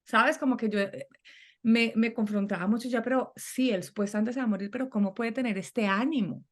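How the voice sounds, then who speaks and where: A middle-aged woman telling a personal story in conversation, animated and acting out the voices she quotes. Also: a little high, brisk. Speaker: guest.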